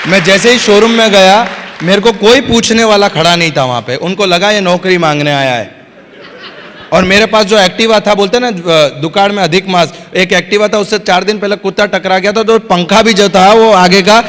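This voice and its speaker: A man's voice: sits high, normal speed. A man giving a motivational business training talk to a live audience, full of stories, humor and "yes or no" questions to the crowd. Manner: energetic, repeatedly asks the crowd "yes or no"; storytelling with acted-out dialogue and humor. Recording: hall reverb.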